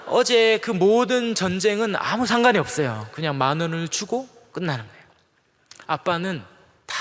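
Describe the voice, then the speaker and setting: Man, pastor, middle-aged, high voice, conversational sermon, long reverb of a large church. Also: fairly bright tone. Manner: conversational preaching with playful acted-out quotes.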